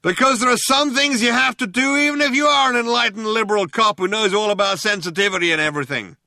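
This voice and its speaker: A man voicing a shouting, trigger-happy cop who earnestly insists on how sensitive he is, in a comic science fiction audiobook. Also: high-pitched, fast, no room sound, clean studio sound, voice pushed up, heavily acted. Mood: menacing, earnest. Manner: shouting, earnest, self-justifying. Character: loud-hailer cop, shouting, self-consciously sensitive, trigger-happy tough guy.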